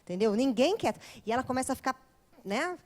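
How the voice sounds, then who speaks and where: A woman's voice: sits high, expressive, a little fast. A woman lecturing a course, retelling a myth in a playful, jokey way and chatting with her audience. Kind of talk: humorous storytelling lecture.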